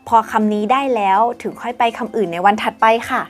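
A woman's voice: mid-range voice, fairly even intonation, quick pace. A woman nurse hosting a parenting lesson, explaining step by step how to help babies learn to talk, with polite, instructive phrasing and a short product read. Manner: polite, instructive, uses soothing baby-talk examples. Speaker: pediatric nurse host. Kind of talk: parenting tips with sponsored product reads.

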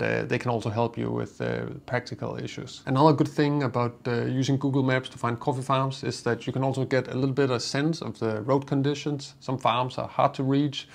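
A man in his thirties casually explaining tips to the camera from a small studio, relaxed and chatty with frequent fillers. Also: medium pitch, gravelly. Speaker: coffee vlogger. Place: small indoor studio with coffee gear behind.

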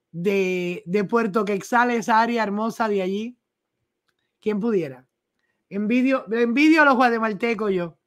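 A woman with a Cuban accent delivers live political commentary in loose, everyday speech. She is emphatic and blunt, with a sarcastic edge. Her pitch sits at a plain, middle level. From Cuba. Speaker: host of a live news commentary show.

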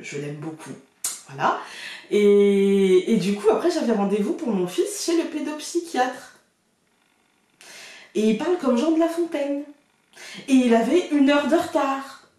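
Telling stories to camera at a measured pace, this woman, a card reader and vlogger, is colloquial, chatty, and quick to laugh. Her mid-range voice is expressive with a dark tone. She sits far from the mic in a highly reverberant room.

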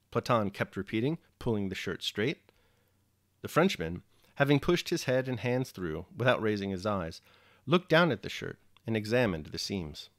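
A man reading a novel aloud in a measured, expressive way, then reflecting on the chapter. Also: medium pitch, dry recording, clean studio sound. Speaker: host and reader.

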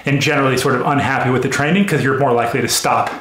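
A man's voice: mid-range voice, steady tone, rapid-fire, a bit bright. Breathless man talking in an echoey gym. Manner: explains between sets, many fillers. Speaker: golf speed trainer. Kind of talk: casual training vlog commentary. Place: small gym room.

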